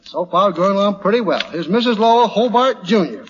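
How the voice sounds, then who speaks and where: A man's voice: high-pitched, lively intonation, brisk. A man with an American accent hosting a 1940s radio quiz in a jovial, chatty manner. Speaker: quiz show host. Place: large hall at a live radio broadcast. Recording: dull old radio recording, hall reverb, hiss.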